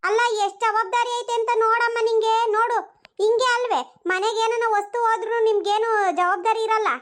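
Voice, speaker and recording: Cartoon old village granny, voiced by a performer, nagging, squeaky high voice. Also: flat delivery, fairly quick, a bit bright. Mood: scolding. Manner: scolding, grumbling to herself. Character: nagging old village grandmother, scolding and suspicious. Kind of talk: cartoon voice acting.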